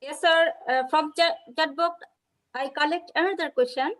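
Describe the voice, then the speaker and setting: A woman's voice: high-pitched, steady tone, moderate pace, a bit bright. A woman moderating a webinar, politely reading out questions from the chat. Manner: polite, reads questions aloud. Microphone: video call.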